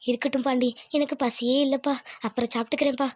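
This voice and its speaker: A woman voicing a gentle older village mother-in-law who speaks softly and tenderly to her son. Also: high-pitched, little pitch movement, fast talker, no room sound, pitched below the performer's own voice. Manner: soft, tender, reassuring.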